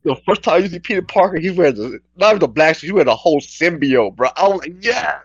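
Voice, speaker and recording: Excitable bro-slinging guy, slightly dull mic. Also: on the high side, fast talker, breathy edge. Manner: excitable, slangy, peppered with bro. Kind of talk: casual gaming chat.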